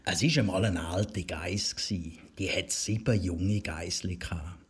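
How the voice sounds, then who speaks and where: A man with a Swiss German accent narrating a fairy tale for children in a gentle storytelling manner. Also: low-pitched, slow pace, breathy edge.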